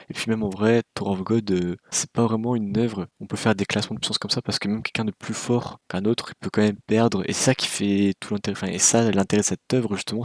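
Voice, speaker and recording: A man's voice: lowish voice, vocal fry, no echo. A man giving casual, opinionated game news commentary with a wry, candid manner, speaking close to the microphone. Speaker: gaming video creator.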